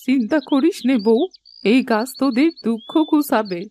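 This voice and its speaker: A woman voicing a gentle, magical old grandmother in a cartoon who speaks in an affectionate, folksy village way. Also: high-pitched, moderate pace, a little hiss or hum, natural voice. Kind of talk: cartoon voice acting.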